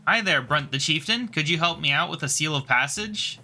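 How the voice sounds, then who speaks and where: A man playing an earnest adventurer hero, bright voice, lively pitch. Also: normal speed, soft background music, full character voice. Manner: earnest, polite. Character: earnest heroic young male adventurer.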